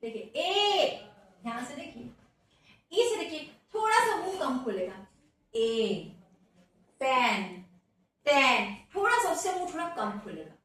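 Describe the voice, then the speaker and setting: A woman teaching an English lesson, slowly spelling out words and asking her students questions. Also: very high-pitched, very animated, fairly bright tone. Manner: repeats words slowly, quizzes listeners with questions. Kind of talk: classroom-style grammar lesson. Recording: echoey room, voice from a distance.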